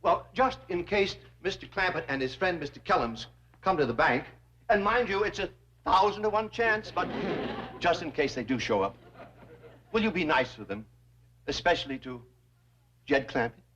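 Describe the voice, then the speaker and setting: An actor playing a pompous, wheedling older bank president who flatters with flowery words, in 1960s sitcom style. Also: male voice, a little high, normal speed, pauses often, highs cut off, a little hiss or hum.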